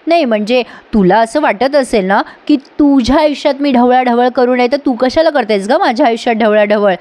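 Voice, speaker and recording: A woman's voice: fairly high pitch, brisk, darkish tone, lightly acted. A woman voicing a resentful woman who trades cutting remarks with her sister-in-law.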